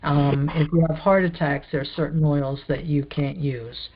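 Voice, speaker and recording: A woman's voice: deep voice, fairly even intonation, a little slow, muffled recording, a crowd in the background. A woman teaching about healing in a casual, rambling, explanatory way with many fillers.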